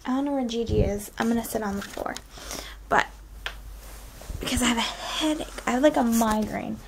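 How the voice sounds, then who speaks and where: Young female vlogger, slightly high voice, informal rambling chat, recorded at home with background noise. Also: gravelly. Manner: informal, drawn-out asides with frequent "like" and "kinda". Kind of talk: casual daily vlog chat. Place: at home, indoors.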